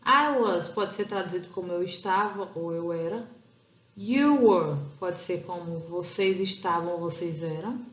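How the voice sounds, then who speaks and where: This Portuguese-speaking woman's voice is fairly low in pitch as she teaches English grammar from slides. She explains each point in sequence and eases her pace to read out the example sentences, all captured in a roomy, muffled lo-fi recording.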